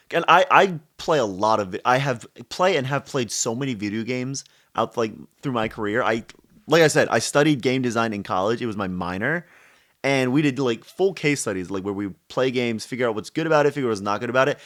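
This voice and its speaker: A young man co-hosting a casual podcast, talking in an excitable, rambling way full of restarts. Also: medium pitch. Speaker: podcast co-host. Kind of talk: casual chat.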